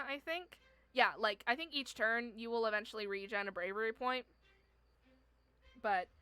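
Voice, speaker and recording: Woman streamer with a crisp, bright, slightly high voice, explaining a game in chatty live commentary. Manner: chatty, explains game rules step by step with frequent fillers.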